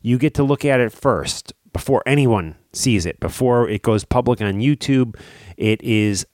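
A man's voice: medium pitch, measured pace, a little mellow, no room sound, studio quality. A man hosting a podcast in casual chat, rambling with fillers. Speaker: podcast host.

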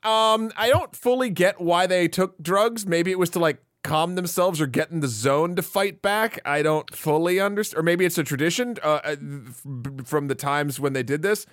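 A man's voice: high-pitched, normal speed, few pauses, fairly bright tone, no room sound, clean studio sound. A man co-hosting a podcast, chiming in with short agreements and offhand opinions in casual film chat. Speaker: podcast co-host.

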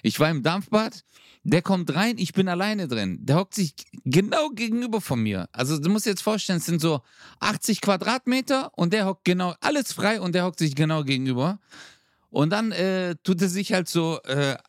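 A young man chatting casually on a podcast, telling an animated story with street slang. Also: sits high, normal speed, no room sound, clean studio sound. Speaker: podcast co-host. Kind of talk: casual chat.

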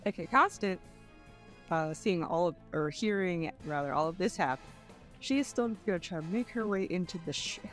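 A young woman playing a tabletop role-playing game, playful and animated. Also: lowish voice, moderate pace, soft background music. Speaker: player. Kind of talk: casual tabletop play.

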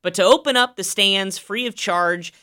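Bright, crisp-voiced racing podcast host. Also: male voice, high voice, moderate pace. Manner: upbeat, emphatic, many fillers. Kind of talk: racing news recap.

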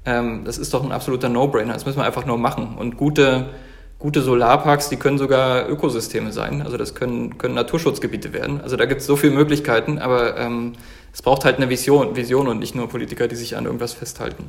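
Man, 30s, from Germany, interview guest, earnest, halting, mid pitch. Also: steady tone, vocal fry. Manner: earnest, full of fillers and restarts. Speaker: guest, company founder. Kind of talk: casual interview talk.

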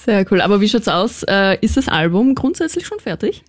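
A woman's voice: medium pitch, big pitch swings, fairly quick. A woman, interviewing a musician in a casual, friendly way. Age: late 20s.

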